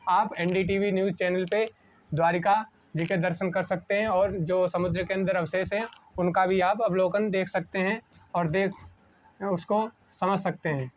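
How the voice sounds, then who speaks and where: A man teaching an exam-prep spelling lesson at a board, asking a question and answering it himself, slowing down on each correct word. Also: high-pitched, fairly even intonation. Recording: dull lo-fi sound.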